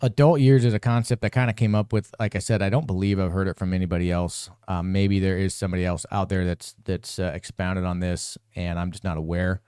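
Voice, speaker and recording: A man's voice: sits low, level tone, a little fast, few pauses, dark tone, clear, resonant tone, no room sound, studio quality. Profane ranting man in his forties. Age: 40s. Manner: rambling with frequent restarts. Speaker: podcast host. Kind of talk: solo live-stream commentary.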